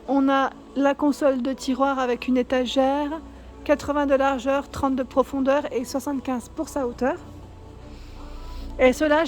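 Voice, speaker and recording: A woman vlogging a walk through a furniture store, reading out prices and sizes one by one and correcting herself now and then. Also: high voice. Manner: reads out prices and sizes in a steady list, with small self-corrections. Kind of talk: casual store walkthrough vlog.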